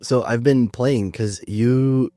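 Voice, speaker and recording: A man's voice: mid-range voice, steady tone, slow pace, mellow, no echo. A man hosting a podcast, chatting casually with many fillers and restarts. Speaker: podcast host. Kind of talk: casual conversation.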